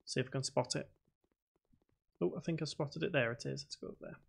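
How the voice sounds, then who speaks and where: Speaking a little fast in a mid-range, husky voice with vocal fry, a man hosts a casual coding live stream. He thinks aloud and talks to himself while typing, reads chat questions out loud, and calls his voice boring.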